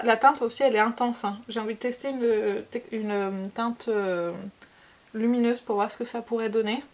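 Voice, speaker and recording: Chatty French woman doing makeup. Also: fairly high pitch. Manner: chatty, hesitant with frequent fillers and repeated words. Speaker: beauty vlogger. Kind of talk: casual makeup tutorial chat.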